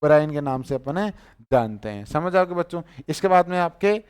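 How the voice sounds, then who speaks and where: A man's voice: on the high side, lively intonation, moderate pace, clean tone. A man with a Rajasthani Hindi accent teaching chemistry, repeating each name and quizzing his students on it. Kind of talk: chemistry class lecture.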